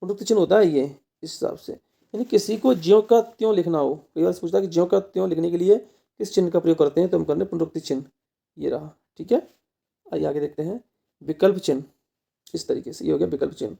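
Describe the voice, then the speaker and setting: A man's voice: on the high side, fast talker, vocal fry, dark tone. A man teaching an exam-prep Hindi grammar lesson who keeps asking his students questions and then answering them himself. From India.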